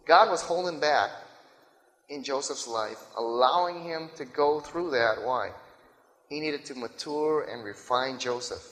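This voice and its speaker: Conversational preacher in an echoey hall. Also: male voice, mid-range voice, a little slow, a bit bright. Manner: conversational, keeps checking in with "right?" and "okay?". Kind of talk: sermon.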